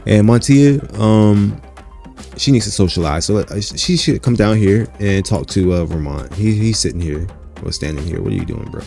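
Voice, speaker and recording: A man's voice: on the low side, animated, normal speed, mellow, soft background music. A man giving casual, rambling gameplay commentary, talking to his viewers as "you guys" and filling his talk with "you know" and "um". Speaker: gaming channel host.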